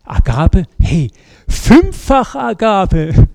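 A man voicing a boastful, overeager male apostle who brags loudly and over the top. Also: high-pitched, huge pitch swings, very slow, vocal fry, no room sound, clean studio sound, pitched above the performer's own voice, heavily acted.

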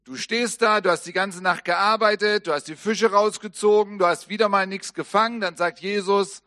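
A man with a fairly high voice preaches a sermon, telling the story vividly and acting out the lines he quotes. At solemn moments he sinks into a soft, low tone. The sound is dry and close, with no room echo. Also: fairly even intonation, moderate pace.

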